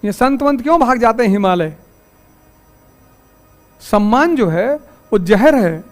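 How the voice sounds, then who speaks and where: A man's voice: very high voice, expressive, unhurried, soft background music. A male teacher lecturing his class in a classroom, telling anecdotes and scolding students. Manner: storytelling, scolding, rustic asides.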